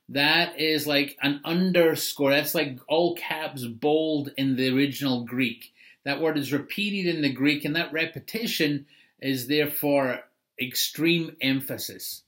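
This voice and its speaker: A man's voice: mid-range voice, fairly bright tone. A middle-aged man preaching a sermon in a conversational, explanatory way, with asides. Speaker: pastor.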